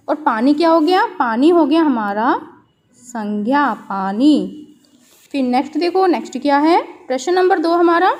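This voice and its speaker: A woman teacher going through a children's worksheet, slowly spelling out words letter by letter and asking simple questions. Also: high voice, darkish tone.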